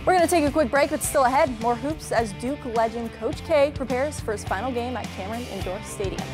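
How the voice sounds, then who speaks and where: A young woman sports reporter narrating high school basketball highlights in a punchy, upbeat scripted delivery from a TV news studio. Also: a little fast, loud music behind the voice.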